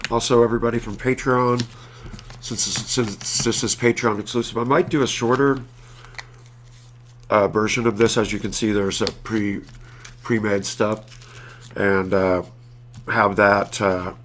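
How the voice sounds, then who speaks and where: A man's voice: medium pitch, fairly bright tone. A man hosting a casual live synth show, talking in a rambling, laid-back way with many fillers and restarts. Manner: laid-back, a little profane.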